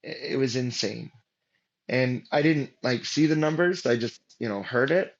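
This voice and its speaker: Man, interview guest, casual rambling storyteller, medium pitch, slightly muffled audio. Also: normal speed, creaky. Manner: rambling, many fillers and restarts, acts out quotes.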